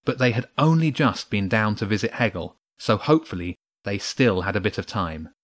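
Male narrator, storybook read, lowish, steady and even. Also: moderate pace.

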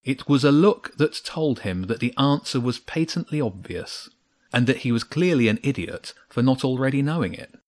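A man narrating a children's storybook in a steady, measured read. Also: medium pitch.

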